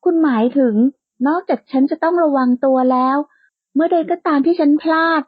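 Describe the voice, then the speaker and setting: A woman voicing a polite, soft-spoken young woman, in a lightly lo-fi, dry recording. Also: high-pitched, moderate pace, dry recording, lightly acted.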